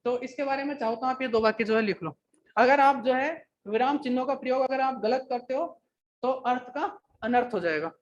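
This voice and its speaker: A man teaching a classroom grammar lecture, dictating slowly, repeating phrases and checking in with the students again and again. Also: very high-pitched, muffled recording, a little hiss or hum. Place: coaching classroom.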